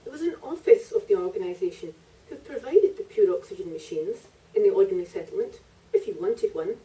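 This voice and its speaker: A woman author reads narrative prose from her own book fairly quickly and expressively, her voice mid-range and mellow. The setting is a live festival reading in a library, picked up by a distant microphone.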